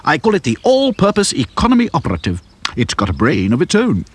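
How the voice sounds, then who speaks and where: A giddy, boastful old inventor as a man acts him out in a children's storybook. The voice sits high and bubbles with excitement, swooping all over the place. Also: fast, slightly rough, full character voice. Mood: bubbly. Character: eager, boastful eccentric old male inventor.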